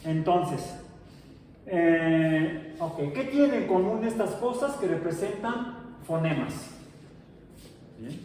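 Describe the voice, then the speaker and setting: Lecturing at a slow pace, this middle-aged man speaks with a Mexican Spanish accent and keeps wandering off into chatty stories. His voice runs on the high side, darkish in tone, with lively intonation. Faint noise, a distant microphone and a roomy echo color the recording.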